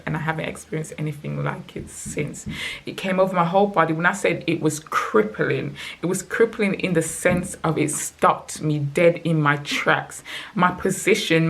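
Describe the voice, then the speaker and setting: A young woman, telling an emotional storytime vlog and acting out what was said. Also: deep voice. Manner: emotional, animated retelling with acted quotes. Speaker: vlogger.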